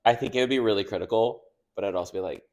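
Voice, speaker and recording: A man's voice: fairly low pitch, rapid-fire, darkish tone. A man co-hosting a podcast in casual, playful, teasing chat. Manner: playful, teasing banter with laughs. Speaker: podcast co-host.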